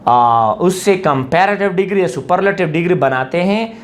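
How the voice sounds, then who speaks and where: A man teaching English grammar in a classroom-style lecture, explaining step by step and often pausing to check that students follow. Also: sits high, lively intonation.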